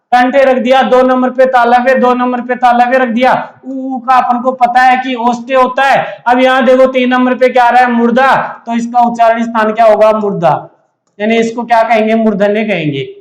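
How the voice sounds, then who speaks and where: A teacher gives an exam-prep lecture in a repetitive call-and-answer style, asking and answering his own questions again and again. His voice is extremely high-pitched with little pitch movement, at normal speed, and the room is echoey.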